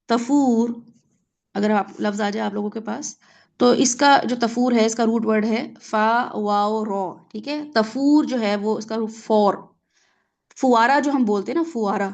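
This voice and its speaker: A woman with a Pakistani Urdu accent gives a Quran reflection lesson in a fairly high voice. She breaks down each word, slips English terms into her Urdu and keeps asking her listeners whether they follow. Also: creaky, darkish tone. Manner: explains word by word, checks in with "theek hai?"; mixes English words into Urdu. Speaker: Quran teacher.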